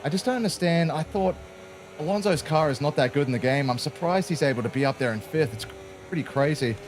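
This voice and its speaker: An Australian gaming channel host gives casual, jokey commentary over a racing game, sprinkling in "mate" as he chats. His voice is on the high side and he talks fast.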